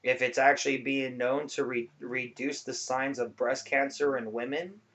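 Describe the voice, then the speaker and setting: A man's voice: medium pitch, fairly even intonation, normal speed, a bit bright. A man talking casually to viewers as a vlogger, explaining things in a laid-back, rambling way. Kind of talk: casual informal talk to viewers. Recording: dull lo-fi sound.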